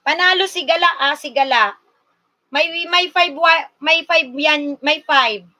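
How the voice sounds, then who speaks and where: A woman from Bicol in the Philippines hosting a casual livestream, slowly coaxing her viewers and talking to them directly. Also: sits high, pushed and bright. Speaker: livestream host.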